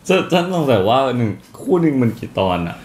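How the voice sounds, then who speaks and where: A man's voice: medium pitch, big pitch swings, fast talker, a little mellow. A man co-hosting a reaction chat, talking a lot and gushing over the show. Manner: chatty, gushing. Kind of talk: casual chat. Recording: echoey room with faint noise.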